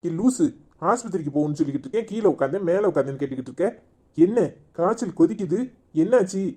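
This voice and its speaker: A man's voice: high-pitched, expressive, racing, mellow. A man voicing a scolding village husband torn between two wives, with a Tirunelveli Tamil accent. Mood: worried. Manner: scolding, name-calling. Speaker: voice actor in a cartoon comedy. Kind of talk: village cartoon drama.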